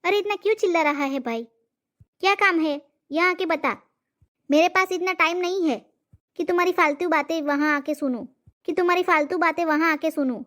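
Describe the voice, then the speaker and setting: A woman voicing a sharp-tongued old mother in a cartoon comedy, scolding and throwing insults. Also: very high-pitched, a little fast. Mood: irritated scolding.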